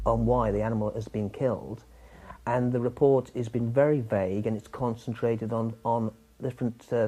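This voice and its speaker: A man's voice: medium pitch, warm tone, slightly rough. A man answering interview questions, hesitating and rephrasing mid-sentence.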